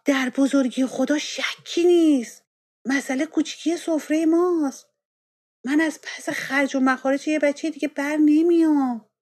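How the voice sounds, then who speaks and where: A woman reading an audiobook, voicing an angry husband who shouts about money. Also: sits high, fairly even intonation, voice pushed up, close to an everyday voice. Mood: furious shouting. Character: furious man, a struggling husband.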